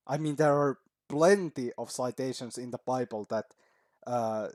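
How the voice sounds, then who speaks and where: A man in casual reaction mode, talking at a medium pitch and sprinkling in swear words and chuckles. His voice is recorded close and dry, with no room sound around it. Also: unhurried, a little mellow, dry recording. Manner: casual, swears often, laughs at his own points. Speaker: reaction video host.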